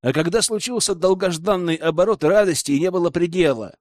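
A man narrating a fantasy audiobook in the first person, expressive and wry. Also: high voice, a little fast, no room sound, clean studio sound.

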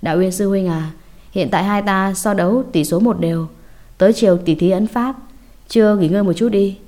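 Woman voicing a frank, mellow young Taoist exorcist. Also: mid-range voice, fairly quick, natural voice. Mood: polite.

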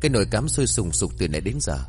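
A man's voice: fairly low pitch, very animated, rapid-fire, a little mellow, faint music behind. A man voicing a harsh, foul-mouthed middle-aged village aunt who scolds and barks orders. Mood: scolding.

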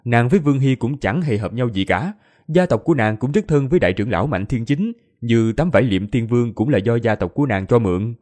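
A man narrating a fantasy audiobook in an expressive storytelling manner. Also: mid-range voice, fairly quick. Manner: expressive storytelling, voices all characters.

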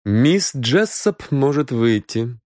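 A man playing a cool male detective lays out his case in a cold, measured voice. He stays firm and unhurried, with lively rises and falls. The sound is dry and close-miked. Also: medium pitch, no echo, natural voice. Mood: stern.

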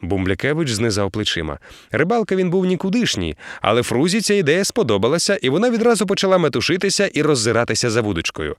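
A man narrating an audiobook in an expressive storytelling way. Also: a little high, fast talker, no echo, clean studio sound. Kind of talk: scripted narration.

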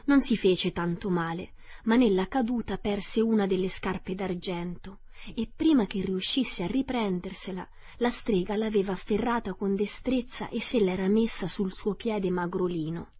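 A woman narrating a storybook for radio in a measured, expressive way. Her voice is husky and breathy, recorded close and bone-dry with no room sound. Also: mid-range voice, no room sound. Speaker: audiobook reader.

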